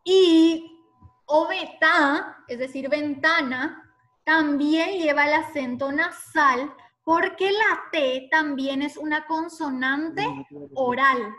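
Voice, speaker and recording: A woman teaching an online class, explaining slowly and patiently and spelling out sounds one by one. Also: sits high, a bit bright.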